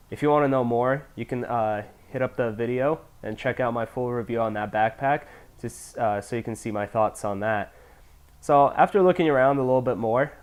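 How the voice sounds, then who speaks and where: A man getting over a cold, speaking with a nasal, stuffy voice as he reviews camera gear in a relaxed, loosely scripted way. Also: mid-range voice. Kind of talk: casual product review.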